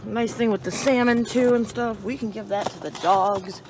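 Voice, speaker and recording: A woman's voice: fairly high pitch, steady tone, moderate pace. Woman, thirties, casual upbeat vlog chatter, handheld phone mic, faint noise behind. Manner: chatty, upbeat, addresses viewers as guys. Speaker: dumpster diving vlogger. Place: outdoors at store dumpsters and at home. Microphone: handheld phone camera.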